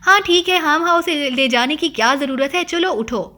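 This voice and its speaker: A woman voicing an older mother who is quick to anger, speaking in a raised, sharp, scolding way. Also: high-pitched.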